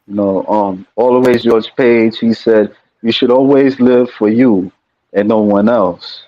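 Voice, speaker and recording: A male interview host asks his questions over a video call. He speaks haltingly, with frequent ums and restarts. His voice is low, and the audio sounds dull and lo-fi. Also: fairly even intonation, warm tone.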